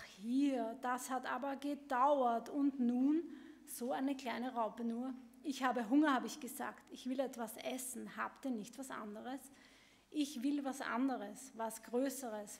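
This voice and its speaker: Woman reading a hungry baby bird, whiny, demanding, higher voice, reverberant hall. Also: steady tone, slow, gravelly. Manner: whiny, repeated complaining. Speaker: author reading her own text.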